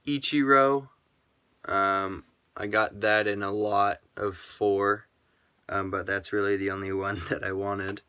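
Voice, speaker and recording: A man casually chatting through his sports card collection in a relaxed, rambling way, full of ums and uhs. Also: lowish voice, takes it slowly, clean tone, no room sound. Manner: talks to himself aloud. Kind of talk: casual vlog chat.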